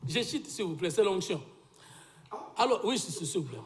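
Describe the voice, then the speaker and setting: A man's voice: high-pitched, big pitch swings, normal speed. A man arguing insistently in a political debate, lecturing and pressing his point. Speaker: debate guest.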